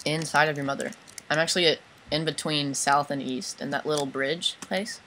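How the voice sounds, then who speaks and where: A man's voice: on the high side, fairly even intonation, moderate pace, bright, forceful tone. A man chatting casually while playing a game, joking around and chanting "bruh". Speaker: gamer. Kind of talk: casual gaming chat.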